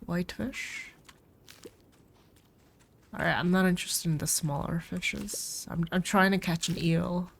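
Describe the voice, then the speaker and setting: Creaky and fairly low, her voice holds a steady tone at a measured pace, broken by long pauses. She's a streamer with a cold, casually rambling to viewers over a farming game with faint music behind her.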